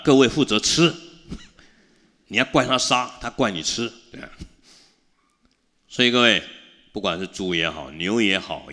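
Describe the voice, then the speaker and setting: A man's voice: lowish voice, sharp tone. A man giving a Buddhist storytelling sermon, acting out the quoted characters and asking the audience questions. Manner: acts out the quoted characters in his stories. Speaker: Buddhist master. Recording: long hall reverb.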